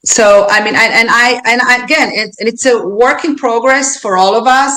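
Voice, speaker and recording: Thinking aloud in a reflective interview, a woman with an Israeli accent speaks earnestly as a podcast guest, frequently restarting and repeating herself. Her voice is a little high and sharp with fairly even intonation at normal speed, captured in a rough recording.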